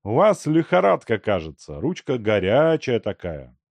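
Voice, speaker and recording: A man playing a scheming middle-aged suitor who speaks in a persuasive, assured tone, gravelly and mellow, in a storybook reading. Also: medium pitch, very animated, moderate pace, dry recording.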